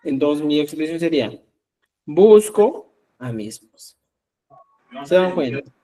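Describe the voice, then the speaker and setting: A male language teacher who speaks slowly and patiently, stopping to check that everyone follows. His voice sits a little high for a man. He is recorded from some distance away from the microphone. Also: animated, dark tone. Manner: patient, explains step by step with frequent checks like "¿ya?". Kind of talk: online class explanation.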